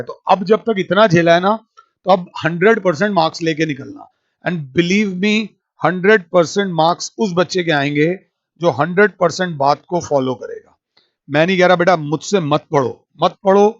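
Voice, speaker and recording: A man's voice: fairly high pitch, no room sound. A man teaching a maths lecture, mixing Hindi and English and repeating key words for emphasis. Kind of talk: recorded classroom lecture. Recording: dull lo-fi audio.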